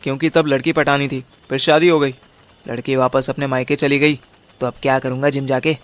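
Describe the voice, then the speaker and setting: In an audio drama, a man narrates and plays the lead, a scheming, overweight amateur detective telling his own story. His mid-range, natural voice is brisk and flatly delivered, with a wry, colloquial and sardonic manner.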